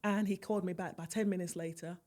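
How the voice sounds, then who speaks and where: A woman who works as a midwife, speaking in an earnest, measured way as an interview guest recounting her work. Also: on the low side, fairly even intonation, dark tone. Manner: measured, earnest, occasionally laughing. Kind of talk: conversational interview storytelling.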